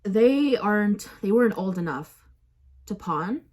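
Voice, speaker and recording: A young woman tells a personal story straight to the camera in a loose, rambling way. She mocks herself often and fills her speech with likes and you-knows. Her voice sits at an ordinary middle pitch for a woman. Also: expressive, a little slow, darkish tone. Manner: rambling, self-mocking, lots of fillers. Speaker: vlogger. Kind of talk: casual storytelling vlog.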